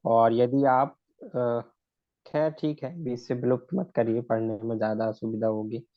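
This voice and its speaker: A man's voice: mid-range voice, no echo, highs cut off. A man teaching shorthand in a recorded lesson, stretching out words one at a time as he explains. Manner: slow and deliberate, drawing out words one at a time.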